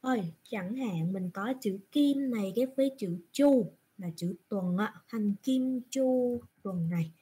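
A woman's voice: mid-range voice, a little slow, hardly any pauses, mellow, husky. A woman teaching Japanese in an online class, patiently asking questions and answering them herself. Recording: screen recording from a browser.

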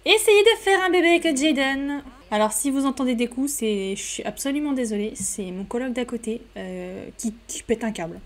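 A woman chatting casually while playing a life-simulation game, talking to her characters and getting excited at home at her microphone. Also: fairly high pitch, normal speed, few pauses. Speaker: gaming YouTuber. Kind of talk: casual let's-play commentary. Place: home room. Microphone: desk microphone.

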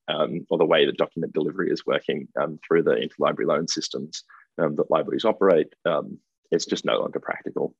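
A man's voice: extremely low pitch, creaky, slightly rough, dry recording. A middle-aged Australian man giving a conference keynote over a video call from an office, hesitant with many ums and restarts. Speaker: keynote speaker. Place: indoor office. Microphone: webcam video call. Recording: dull lo-fi call audio.

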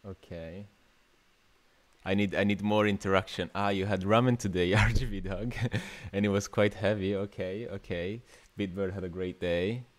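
A deep male voice with fairly even intonation and a moderate pace. He is a twentysomething new media artist from Italy, speaking with an Italian accent while hosting a laid-back livestream masterclass in a small indoor room, chatting with viewers hesitantly and often thinking aloud.

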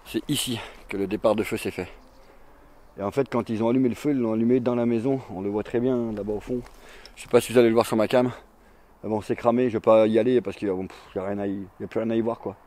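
Here a man in his forties speaks on the low side with a darkish tone. As an urban explorer vlogger, he wanders outdoors through an abandoned, burned campsite, giving chatty, rambling walking commentary to his action camera, handheld or chest-mounted, peppered with fillers and repeats.

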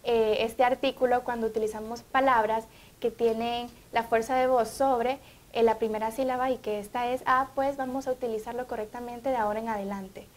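A woman with a Honduran Spanish accent co-hosts a studio TV show. Her voice sits a bit high, and she reads out questions and announcements in a clear, bright manner. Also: fairly even intonation, fairly quick. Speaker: TV co-host. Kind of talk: educational TV talk.

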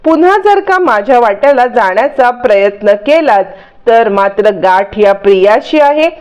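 A woman's voice: on the high side, lively intonation, moderate pace, darkish tone, smooth, highs cut off, natural voice. A woman voicing a scheming, overconfident young woman who threatens everyone, in a taunting way. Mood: threatening.

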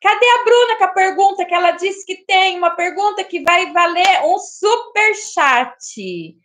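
Live-stream host, woman, very high voice, slow unhurried delivery, bubbly and exclamatory. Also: lively intonation, fairly bright tone. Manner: exclamatory, laughs often, greets viewers by name. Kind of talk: casual live-stream chat.

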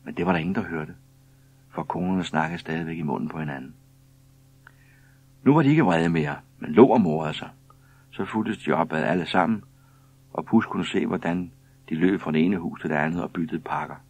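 Man reading a kids story, deep and a bit husky, calm. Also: pauses often, dry recording. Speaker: narrator. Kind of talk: scripted children's story reading.

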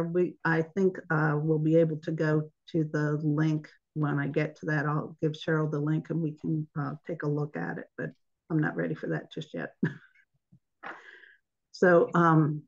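A woman giving an informal online presentation, chatty and laughing at her own slip-ups, heard over a video call. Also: low-pitched. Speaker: webinar presenter. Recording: dull lo-fi webinar audio.

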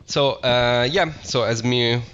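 Speaking slowly in a medium-pitched, somewhat bright voice, this young adult Italian man hosts a Minecraft let's play in accented English. His commentary is chatty and eager, full of self-corrections and restarted phrases. There's slight background noise, and the lo-fi audio sounds a little dull, with music underneath.

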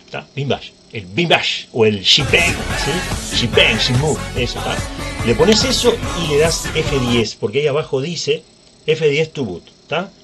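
In a screen-recorded computer tutorial, a man with a medium-pitched voice chats informally and keeps checking in with his viewers. There is slight background noise.

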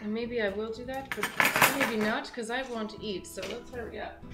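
Echoes and light music fill the large kitchen where a young woman hosts her home cooking show, chatting cheerfully and casually while she works at the counter. Her fairly high voice is animated but a little slow.

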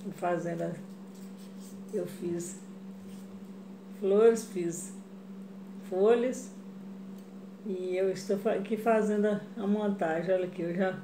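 A middle-aged woman from Brazil chats to her viewers while she works on a craft at her kitchen table, in an unhurried, easygoing way. Her voice is soft and warm in tone, and it bounces off the hard tiled walls of the kitchen, so the sound comes across roomy and echoey. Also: medium pitch, steady tone, a little hiss or hum. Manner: chatty, addresses viewers as "gente", frequent "né?" and "tá?". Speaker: craft vlogger. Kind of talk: casual craft tutorial chat.

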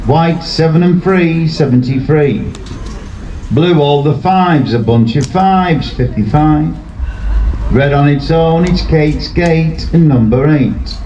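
Slow, high-pitched male bingo caller. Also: dark tone. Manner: bingo caller patter, repeating numbers in a formulaic sing-song. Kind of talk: prize bingo calling with rhyming number nicknames. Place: seaside amusement arcade bingo hall. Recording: dull echoey arcade PA, background noise.

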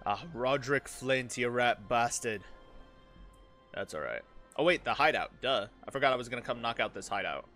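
A man's voice: medium pitch, lively intonation, normal speed, pushed and bright, soft background music. A man giving casual, informal gameplay commentary, sweary and self-deprecating. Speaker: YouTuber, game streamer.

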